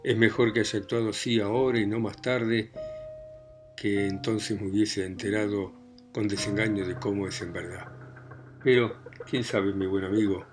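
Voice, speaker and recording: A man voicing an emotional young woman torn in love in an audiobook, pleading and halting, with music behind. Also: fairly low pitch, fairly even intonation, pitched below the performer's own voice, close to an everyday voice. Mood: tearful. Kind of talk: audiobook reading.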